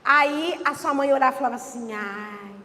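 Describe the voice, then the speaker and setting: A woman pastor gives an animated sermon and keeps teasing and questioning her congregation. Her voice sits very high. A long church reverb trails every phrase. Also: quick pace, a little hiss or hum. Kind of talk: lively sermon.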